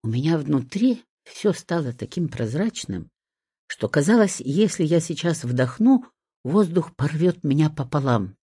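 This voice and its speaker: A woman reading a first-person story aloud, in a soft, expressive way. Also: low voice, unhurried, slightly rough, no room sound, studio quality.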